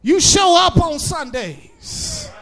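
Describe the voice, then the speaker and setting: This preacher's voice is unusually high, gravelly, forceful and tense, swinging hugely in pitch. He draws out his lines in a slow sermon cadence, half-singing and shouting, and reinforces each point by repetition.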